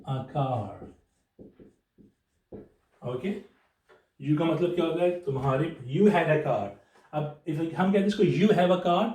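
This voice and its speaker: A man's voice: on the high side, a little mellow. A man with a Pakistani accent teaching English grammar, mixing English and Urdu and tagging phrases with "okay?", spelling sentences out word by word. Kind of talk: spoken grammar lesson. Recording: echoey room, mic at a distance.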